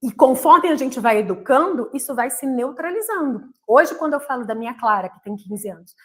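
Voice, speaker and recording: A middle-aged Brazilian woman talking about faith and her children's temperaments, telling animated family stories and acting out her kids' voices. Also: sits high, a little fast. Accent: Brazilian Portuguese. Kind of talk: casual spoken talk, livestream.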